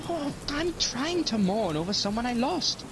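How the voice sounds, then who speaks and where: A man's voice: extremely high pitch, sing-song, moderate pace, background noise, heavily acted. A man playing a secretive, mournful time-travelling alien Doctor in an audio drama, speaking in a theatrical, hesitant way. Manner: hesitant, theatrical, with sighs and deflections.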